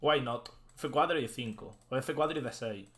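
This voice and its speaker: A man, a chess streamer thinking aloud and commenting live as he plays, excitable and prone to shouting outbursts. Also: medium pitch, normal speed. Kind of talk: live commentary while playing online chess.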